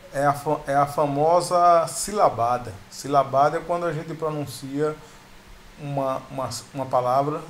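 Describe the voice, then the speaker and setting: A man's voice: medium pitch, slight background noise. A man giving a video lesson on grammar, explaining patiently, restarting words and often addressing viewers as "pessoal". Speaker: teacher.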